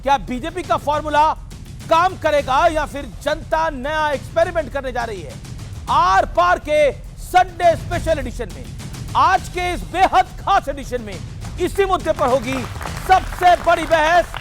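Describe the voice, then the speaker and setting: A man's voice: very high-pitched, measured pace, a bit bright, soft background music. A male news anchor opening a debate show in a dramatic, emphatic, rhetorical style.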